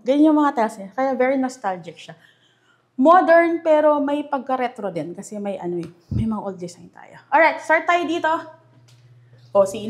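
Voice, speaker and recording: A woman's voice: sits high, darkish tone. Chatty Filipino woman giving a house tour. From Philippines. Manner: chatty and enthusiastic, mixing Tagalog and English. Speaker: real estate house tour host. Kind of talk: casual house tour walkthrough. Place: indoors in a furnished house.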